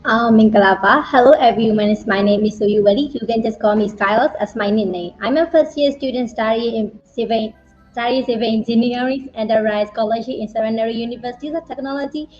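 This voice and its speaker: A woman's voice: on the high side, a little fast, darkish tone, soft background music. A young woman with a Burmese accent, a student speaker presenting at an online open house over lo-fi audio. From Myanmar. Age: young adult.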